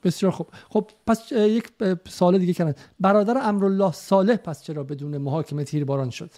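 A man's voice: high voice, mellow. A man asking direct, insistent questions as an interviewer.

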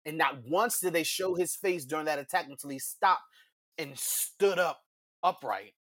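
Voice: mid-range voice, animated, moderate pace, fairly bright tone, no room sound, clean studio sound. A podcast co-host breaking down a wrestling segment step by step in casual chat. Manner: explanatory, builds points step by step.

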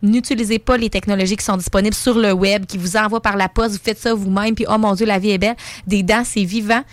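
A woman's voice: mid-range voice, fairly even intonation, fast, no room sound. A woman with a Quebec French accent, a dental hygienist on a radio show, insistently urging listeners. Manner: earnest, insistent warnings. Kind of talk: casual radio chat.

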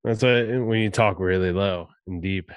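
A man's voice: low voice, moderate pace, clean tone, dry recording. A man co-hosting a podcast in casual chat, talking in a breezy, slangy, buddy-to-buddy way. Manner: breezy, slangy bro talk. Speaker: podcast co-host.

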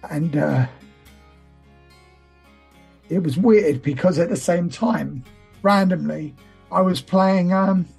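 Man, croaky voice, emotional and near tears, earnest hesitant delivery, reflective personal talk, husky tone, faint music. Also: high-pitched, takes it slowly, pauses often, a little mellow. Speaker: guest sharing favourite songs.

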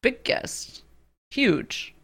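A woman's voice: extremely slow, fairly bright tone. A woman co-hosting a podcast, trading casual comic banter with dry, profane interjections. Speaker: podcast co-host.

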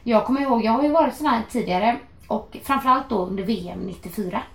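A woman in her thirties chatting casually, lively and animated as she tells stories. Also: fairly high pitch, gravelly. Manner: lively, animated storyteller who acts out shouting. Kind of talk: casual chat. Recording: echoey room.

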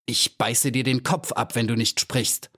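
A man reading aloud, voicing a proud, rough male hornet guard with a blunt manner. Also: mid-range voice, fairly even intonation, a little slow, bright, forceful tone. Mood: stormy.

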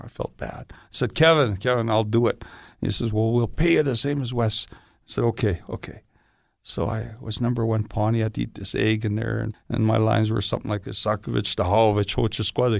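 Gravelly-voiced man telling lively stories. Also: on the low side, dry recording, clean studio sound. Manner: animated storyteller acting out quoted voices. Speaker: guest, actor and stuntman. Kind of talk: casual storytelling interview.

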